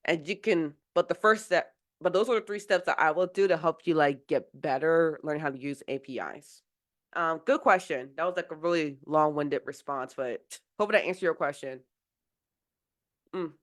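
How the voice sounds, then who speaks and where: Deep-voiced and speaking at a normal pace, a woman mentors in software engineering during a live session while getting over a cold. Her explanations are casual and rambling, packed with fillers and restarts.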